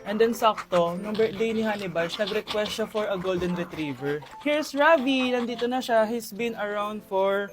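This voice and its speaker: A woman's voice: medium pitch, moderate pace, few pauses, over music. A woman chatting casually in a vlog, cooing and baby-talking to her dog. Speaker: pet vlogger.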